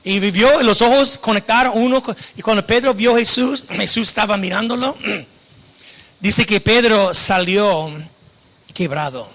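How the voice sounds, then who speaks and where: A man's voice: high voice, measured pace, fairly bright tone. A male pastor teaching a sermon in a conversational way, often restarting his words.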